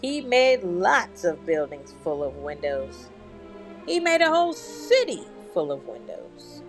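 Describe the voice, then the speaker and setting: A woman reading a children's picture book at bedtime in a measured, expressive storytelling manner. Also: low voice. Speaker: storyteller, channel host.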